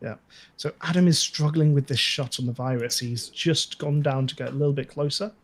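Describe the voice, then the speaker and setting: A man's voice: fairly high pitch, brisk. A man commentating a live gaming tournament, chatty and laughing often.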